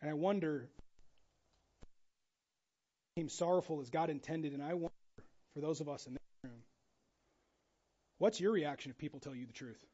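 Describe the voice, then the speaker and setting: Animated high-voiced male pastor preaching. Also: moderate pace, long pauses, dull audio. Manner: animated, acts out quoted voices, jokey asides. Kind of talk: sermon. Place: church.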